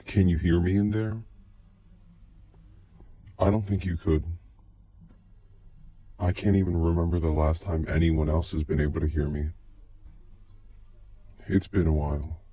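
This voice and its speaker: Through a deep pitch-shifting voice changer, a man sounds extremely low, dark and muffled while narrating a scripted recorded tape in the first person. His delivery is slow, halting and brooding, with a level tone that barely rises or falls, like a confession captured on tape.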